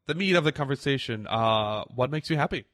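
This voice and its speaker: A man's voice: mid-range voice, lively intonation, a little fast, a bit bright, dry recording. A man in his thirties hosting a podcast, friendly and playful with his guest. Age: 30s. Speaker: podcast host. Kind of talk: casual podcast interview.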